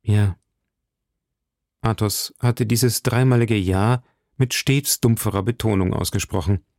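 A male narrator reads a classic novel in a steady, even manner. His voice is dark and mellow with a gravelly texture. The recording is close and dry. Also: on the low side, a little slow, dry recording. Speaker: audiobook narrator. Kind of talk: scripted narration.

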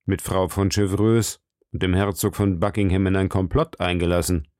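A man voicing a cold, commanding older cardinal who speaks slowly in a low, measured tone. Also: fairly even intonation, darkish tone, dry recording, studio quality, lightly acted.

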